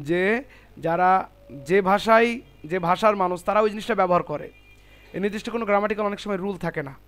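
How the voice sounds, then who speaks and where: Here a high-voiced man runs an online Quran recitation class, walking through the rules one step at a time and correcting his students with patience.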